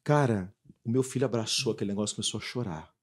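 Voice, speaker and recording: A Brazilian man in his thirties, a lively storyteller chatting as a guest about his religious community life. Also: on the low side, racing, a crowd in the background. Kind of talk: casual storytelling interview.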